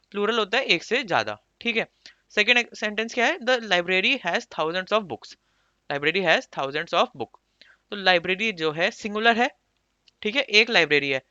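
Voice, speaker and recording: Bright-voiced man teaching grammar, lo-fi. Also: high-pitched, dry recording. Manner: repetitive, quizzes listeners with rhetorical questions. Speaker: exam coaching teacher. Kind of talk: English grammar lesson explained in Hindi. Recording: dull lo-fi recording.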